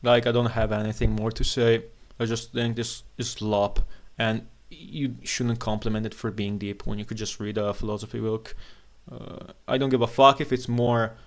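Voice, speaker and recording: Speaking in a fairly low, level voice, a man rants off the cuff as a video commentator, voicing strong opinions. His tone is blunt, scornful and full of profanity, delivered haltingly with stammers.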